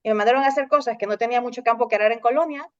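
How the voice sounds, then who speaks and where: A woman hosting a casual conversation, telling stories in an animated way and acting out the lines of others. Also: on the high side, rapid-fire, no echo, lo-fi sound. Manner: animated storytelling, acting out dialogue. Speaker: host.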